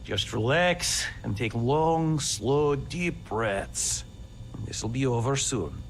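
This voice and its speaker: A man's voice: medium pitch, slow, over music. A man playing a courteous, reassuring clinic doctor in a sci-fi game, with polite bedside patter. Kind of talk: video game dialogue.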